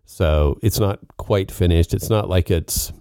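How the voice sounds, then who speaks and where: Deep, dark-voiced man. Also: unhurried, clear, resonant tone, no echo, studio quality. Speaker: co-host. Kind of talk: casual podcast chat.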